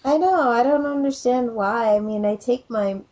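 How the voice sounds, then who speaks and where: High-voiced, mildly sick female podcast co-host. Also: normal speed, darkish tone. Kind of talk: casual banter. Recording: music playing behind the voice.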